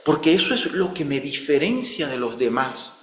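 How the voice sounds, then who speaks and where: A man's voice: fairly high pitch, big pitch swings, moderate pace, fairly bright tone. A man preaching a conversational sermon, often ending his phrases with a questioning tag. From outside Spain. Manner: frequent "¿no?" tag questions, restarts. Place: church hall. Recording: echoey church hall.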